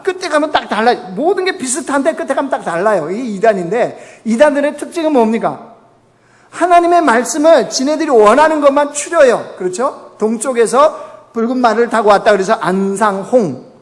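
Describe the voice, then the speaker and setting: A man with a fairly high voice preaches a sermon from the pulpit. He keeps asking the congregation questions and answering them himself. His voice rings with a long reverb through the church sanctuary. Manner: asks the congregation rhetorical questions. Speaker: pastor.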